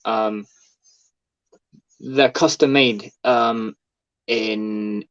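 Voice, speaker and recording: A man's voice: on the low side, fairly even intonation, extremely slow, fairly bright tone. A man in casual chat as a podcast co-host, rambling and full of fillers. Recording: slightly dull lo-fi recording.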